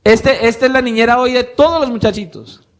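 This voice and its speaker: High-voiced male pastor preaching. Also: a little fast. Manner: questions the congregation directly, swinging from soft to loud. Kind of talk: sermon.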